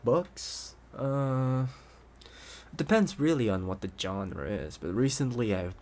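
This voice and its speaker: Voicing an obsessive young intruder for ASMR, a man coaxes the listener as if he were a devoted owner, pausing hesitantly and dropping whispered asides. His mid-range voice has lively intonation and a casual, doting mood.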